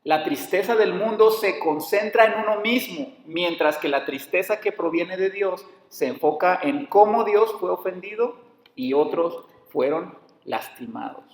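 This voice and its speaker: A man's voice: high voice, measured pace. A man preaching a sermon, calling his listeners brothers and putting rhetorical questions to them. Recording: echoey hall.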